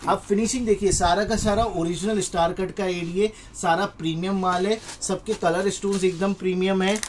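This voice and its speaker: Indian man giving an emphatic sales pitch. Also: steady tone, moderate pace, a little hiss or hum. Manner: repetitive, emphatic selling patter.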